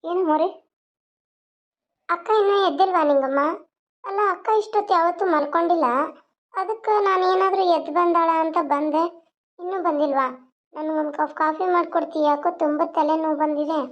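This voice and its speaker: A woman voices a caring young sister in a cartoon, her voice pitched high. She sounds concerned and keeps asking questions. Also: fairly even intonation, normal speed, pauses often, highs cut off. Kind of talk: cartoon voice acting.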